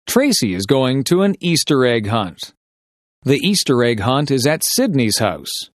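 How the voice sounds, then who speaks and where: A man reading short, simple sentences as dictation for English learners, enunciating each one carefully and deliberately. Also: mid-range voice, very animated, no room sound, studio quality.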